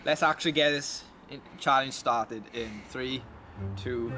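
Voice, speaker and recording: A man's voice: medium pitch, fairly even intonation, a little slow. A man hosting a challenge video, talking casually to his viewers. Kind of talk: casual vlog talk to viewers. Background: music.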